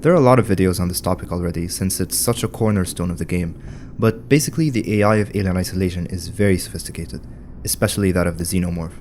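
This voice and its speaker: A man with a very low voice narrates a scripted video essay. His delivery is conversational and wry, with dry asides. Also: fast talker, darkish tone, a little hiss or hum.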